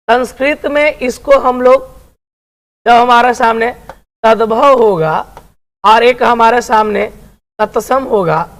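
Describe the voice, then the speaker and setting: A man teaching Hindi grammar in an online video lesson, coaxing his students along and tagging nearly every sentence with a question. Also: extremely high pitch. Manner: repeats tag questions often; coaxing, addresses students as dear and friends.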